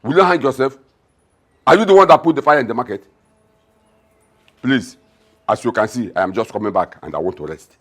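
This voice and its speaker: A man's voice: medium pitch, lively intonation, brisk, pauses often, husky. An actor with a Nigerian accent playing a scoffing, bossy middle-aged father in a film drama. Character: gruff scornful middle-aged father, mocking and domineering.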